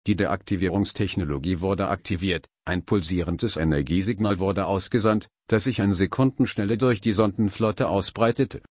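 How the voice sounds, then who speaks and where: A man narrates a scripted story with an even, dramatic delivery. His voice sits fairly low, and the close recording is dry with no room sound. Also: moderate pace, few pauses, no echo.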